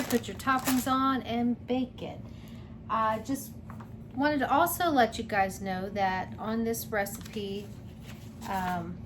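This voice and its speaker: A woman chatting casually to her viewers while cooking in a home kitchen. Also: on the high side. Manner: chatty, friendly, addresses viewers as guys. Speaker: cooking vlogger. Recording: noisy home recording.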